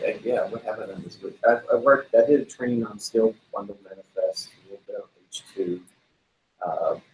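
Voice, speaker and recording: A man with a low voice gives a halting update at a team meeting, often stopping to restart his sentences. There is faint noise in the background. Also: low-quality recording. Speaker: meeting participant.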